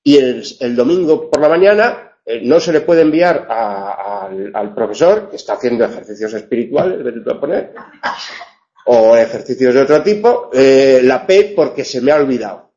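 A man's voice: medium pitch, expressive, moderate pace, mellow, highs cut off. A man teaching a university class, wry and digressive, often restarting his sentences. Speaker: university tutor. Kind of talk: classroom lecture with questions.

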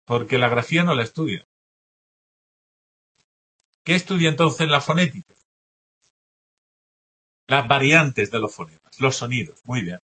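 A man's voice: mid-range voice, animated, measured pace, pauses often, pushed and bright, breathy edge. A man teaching a language class, explaining test answers and often checking in with students. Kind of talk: classroom lecture going over test answers.

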